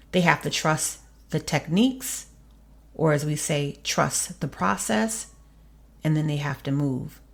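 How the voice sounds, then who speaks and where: A woman hosting a faith podcast, speaking in an earnest, measured, preacherly way. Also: low voice, vocal fry. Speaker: podcast host. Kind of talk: reflective faith podcast monologue.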